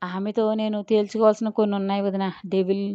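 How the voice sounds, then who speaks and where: A woman's voice: mid-range voice, little pitch movement, fast, dark tone, clear, resonant tone, dry recording, lo-fi sound, natural voice. Woman playing a moody, curt young woman. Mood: moody, soft. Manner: curt, scolding. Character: moody young woman, sharp but affectionate.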